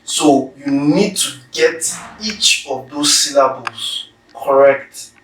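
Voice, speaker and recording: A man teaching public speaking in a slow, deliberate lecture, carefully stressing syllables as he demonstrates words. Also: medium pitch, a bit bright, a little hiss or hum. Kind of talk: instructional lecture. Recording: echoey room, somewhat far from the mic.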